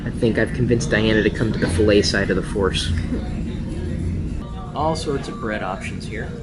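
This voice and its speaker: A man's voice: lowish voice, a little slow. A man hosting a casual food vlog, chatty as he describes dishes and teases in playful banter. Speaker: vlogger. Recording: music playing behind.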